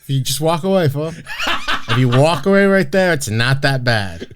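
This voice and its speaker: A man hosts a podcast in a loose, rambling way. He swears freely, restarts his sentences and fills gaps with "uh" and "you know". His voice sits at an ordinary middle pitch for a man. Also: expressive, moderate pace, background noise. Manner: brash, profane, rambling with frequent restarts. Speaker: podcast host. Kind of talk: casual podcast chat.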